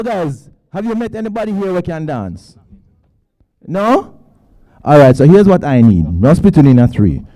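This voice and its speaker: On stage at a student orientation event, an energetic male host works the crowd, teasing them playfully and dropping local slang. His pitch is very lively and his tone warm and darker. The sound is dry and close, with no room sound.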